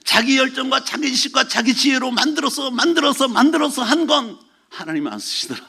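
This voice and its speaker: A man preaching a Sunday sermon as pastor, telling a story in an animated way and shouting exclamations from it. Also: very high-pitched, brisk, creaky, breathy edge. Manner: animated storytelling, mixes formal and casual speech, shouts acted exclamations. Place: church sanctuary.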